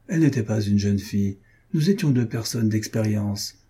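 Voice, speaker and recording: An indignant, heartbroken woman pleads and reproaches her lover in impassioned bursts, as a male audiobook reader voices her. The tone is deep and mellow with a husky grain. It is a classic storybook read aloud. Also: expressive, normal speed. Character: wounded, furious woman confronting her lover. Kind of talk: audiobook reading of a classic novel.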